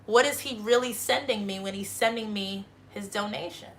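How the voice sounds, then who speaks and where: A woman's voice: medium pitch, normal speed, slight background noise. A woman hosting a livestream, giving a rambling spiritual monologue full of swearing and emphatic bursts. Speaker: livestream host.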